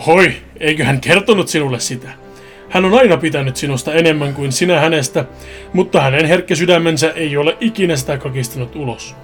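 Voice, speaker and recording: Man doing a loud taunting devil. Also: a little high, faint music behind, natural voice. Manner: taunting, loud, mocking laughter. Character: gloating male devil, cruel and mocking.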